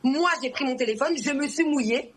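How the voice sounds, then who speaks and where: Blunt high-voiced young woman guest. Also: brisk. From Guadeloupe and Morocco. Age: 20s. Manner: blunt, outspoken. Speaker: reality TV personality, guest.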